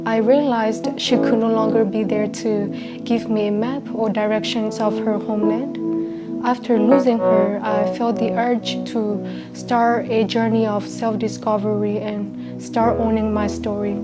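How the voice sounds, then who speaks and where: A young woman from Burma narrating a documentary about her life in an earnest, measured, personal way. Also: mid-range voice, flat delivery. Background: music.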